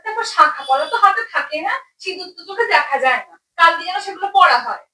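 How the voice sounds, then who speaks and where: A woman's voice: extremely high pitch, animated, fast, sharp tone, heavily acted. A woman playing a bossy, nagging mother-in-law in a comedy sketch, scolding with a Bengali accent. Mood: lecturing. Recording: roomy echo, from a distance.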